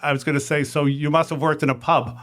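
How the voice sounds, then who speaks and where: A male comedian hosting a podcast, with a voice a bit higher than most men's. He jokes and rambles, stumbling over his words and starting sentences again. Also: little pitch movement, quick pace, a bit bright. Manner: joking, rambling, many restarts. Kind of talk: casual podcast interview.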